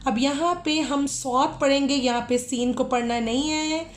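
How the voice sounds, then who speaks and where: A woman teaching tajweed in a lesson, chanting verses slowly and melodically, then explaining the rules in quick speech. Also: high-pitched, steady tone, a little hiss or hum. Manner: slow melodic recitation, then rapid explanations. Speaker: Quran recitation teacher.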